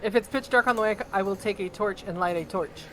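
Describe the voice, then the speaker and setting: Tabletop player, bright tone, dry humor, faint hiss. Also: medium pitch, fast talker. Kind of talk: playing a tabletop game.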